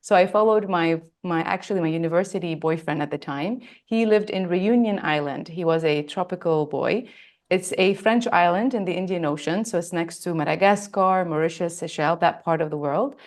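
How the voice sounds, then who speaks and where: A Lebanese woman, probably in her thirties or forties and born in Australia, speaks in a lowish, darkish voice at a moderate pace. As an interview guest, she tells her own story earnestly and emphatically, reflecting on her personal experiences.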